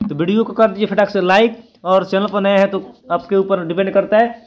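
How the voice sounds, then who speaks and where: A man's voice: high-pitched, steady tone, brisk, muffled recording. A man teaching a casual exam-prep lesson, chatty, thinking aloud and correcting himself as he goes. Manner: chatty, keeps adding "ठीक है" after points.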